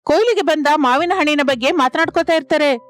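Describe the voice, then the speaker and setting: Woman telling a cartoon story, calm, high voice, soft music under it. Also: fairly quick. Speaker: narrator. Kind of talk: scripted storybook narration.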